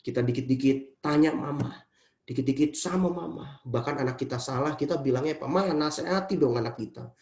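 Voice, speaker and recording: A middle-aged man preaching a sermon as pastor, earnestly addressing his congregation and rising sharply in pitch to stress his points. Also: a little fast, darkish tone. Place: church hall. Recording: echoey church hall.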